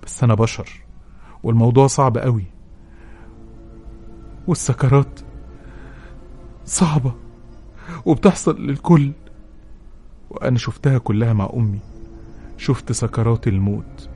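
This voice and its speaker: A man's voice: mid-range voice, moderate pace, long pauses, dark tone, husky, soft background music. A man with an Egyptian Arabic accent, a show host who reads a listener's letter with emotion and then gives advice. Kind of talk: dramatic reading and advice.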